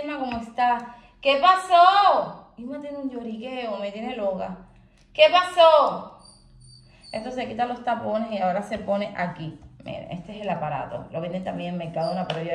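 A woman's voice: medium pitch, brisk, a little mellow. A young woman from Cuba with a Cuban Spanish accent, chatting expressively to her viewers at home and calling them "my love". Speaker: vlogger. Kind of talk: casual chat to camera. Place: at home, indoors. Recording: echoey room.

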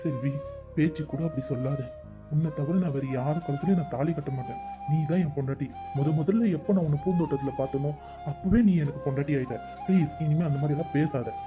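A woman's voice: low voice, quick pace, lightly acted. A woman voicing Kathir, a playful, devoted young man in a cartoon, coaxing, teasing and protective. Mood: tender. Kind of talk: cartoon voice acting. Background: background music.

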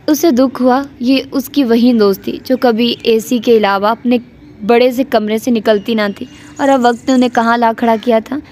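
A woman with a fairly high, slightly mellow voice reads a romantic novel aloud, handling both narration and each character's lines. A faint hiss or hum can be heard.

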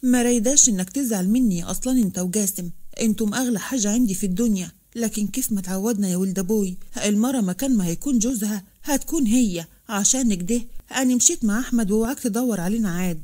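A woman's voice: mid-range voice, very fast, dark tone, close to an everyday voice. A woman voicing a devoted young wife with an Upper Egyptian accent, asking anxious questions. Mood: tender. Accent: Upper Egyptian Arabic.

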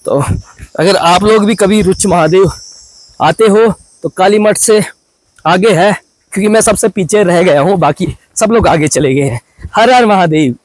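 Outdoors among hill temples and by a river, a young vlogger from Uttarakhand, India, talks viewers through his casual travel video. His voice is high-pitched and moderately paced, and he keeps up a chatty commentary while pointing things out.

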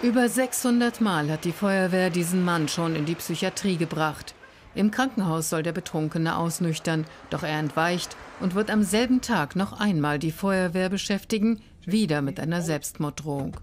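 A woman reading scripted documentary narration in an even, factual way. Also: on the low side, normal speed, slight background noise.

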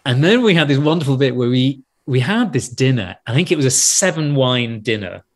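A man with a slightly husky voice tells a long anecdote in casual podcast chat. He acts out what others said and laughs through the funny bits. His voice sits at a middling pitch for a man. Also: fairly quick. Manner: animated storyteller, acts out quotes, laughs mid-sentence. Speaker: wine expert telling a story.

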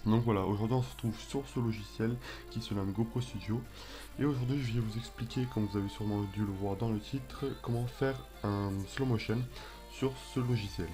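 A young man with a French accent hosting a casual software tutorial, hesitant and self-mocking, with many fillers and restarts. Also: on the low side, fairly even intonation, a little fast, over music. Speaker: tutorial host. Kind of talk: casual screen-recorded tutorial.

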